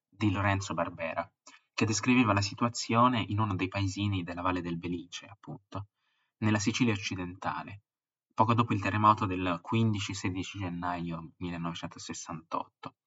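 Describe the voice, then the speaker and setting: Man reading with low husky voice. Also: a bit bright, muffled recording. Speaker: podcast host. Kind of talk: reading a book passage aloud, then history podcast narration.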